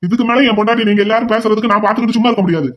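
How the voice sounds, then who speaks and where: A man's voice: high voice, rapid-fire, natural voice. Man voicing an indignant elder son in a cartoon. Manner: angry, lecturing. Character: indignant elder son defending his wife. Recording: dull lo-fi audio.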